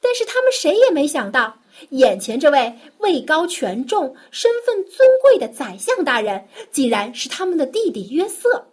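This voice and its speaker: A young woman narrating a children's Bible story, gently and expressively, as a storyteller speaking to a child. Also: high voice, very animated, normal speed.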